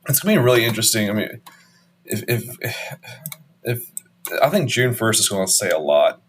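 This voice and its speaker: A man hosting a crypto channel in casual market commentary, rambling and restarting his sentences, his voice going hoarse. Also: fairly low pitch, sing-song, normal speed, a little hiss or hum. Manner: rambling, restarts often, trailing off.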